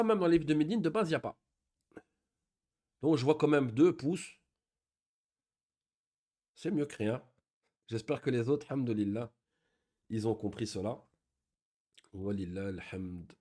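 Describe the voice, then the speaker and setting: A man's voice: a little high, lively intonation, a little mellow. Patient man teaching Arabic reading. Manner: patient, explains step by step, reads Arabic examples slowly then explains in French. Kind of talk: online Arabic reading lesson.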